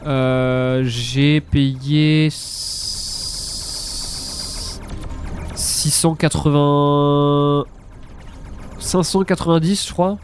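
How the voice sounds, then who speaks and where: Speaking very slowly with long pauses, a young man with a congested, blocked-nose sound chats casually during a game stream. His voice is on the high side and steady, with soft music in the background, and he hesitates, repeats words and uses mild swearing.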